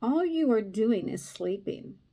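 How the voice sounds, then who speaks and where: An impatient, annoyed male snake hunting for shade, his lines read from a storybook by a woman. He speaks slowly in a mellow, warm tone. It is plainly read, with no strong character voice. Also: on the high side, expressive. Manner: read aloud from a card book.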